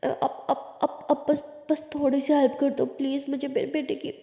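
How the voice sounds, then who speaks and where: A desperate middle-aged maid, stammering and pleading in a halting way, as a woman storyteller puts her on. The voice is dark and mellow for a woman. It echoes, with a long reverb around it. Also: high-pitched, flat delivery, gravelly.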